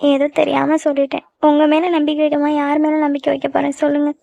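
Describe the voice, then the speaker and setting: A woman's voice: sits high, monotone, fast, creaky, mellow, no room sound. A woman voicing a young college girl in love in a cartoon, pleading and teary with her sweetheart. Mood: shy affectionate. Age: young adult. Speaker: voice actor. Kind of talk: cartoon love-story dialogue. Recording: dull lo-fi dry recording.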